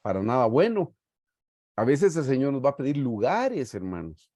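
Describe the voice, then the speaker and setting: A middle-aged man from Guatemala teaches a Bible study over a video call, preaching earnestly and often calling his listeners "brothers" ("hermanos"). His medium-pitched voice is very animated at a moderate pace, with warm pastoral storytelling. The video call mic gives studio-quality sound with no echo.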